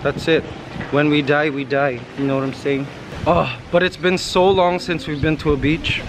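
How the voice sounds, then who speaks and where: Male vlogger, thirties, high-pitched, exclamatory casual chat, recorded on a noisy city street. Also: normal speed. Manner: animated, exclamatory, talking while walking. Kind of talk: casual walking vlog chat. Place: outdoors walking along a residential city street. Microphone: camera held at arm's length. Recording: outdoor city street noise, passing cars. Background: street ambience and vehicles.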